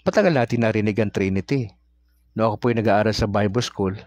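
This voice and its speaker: A Filipino man with a fairly low voice teaches in a relaxed, chatty way and keeps asking his listeners questions. The recording is dry and close, with little room sound. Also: brisk, no echo. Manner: conversational, asks the audience questions often. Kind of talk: casual talk-style teaching.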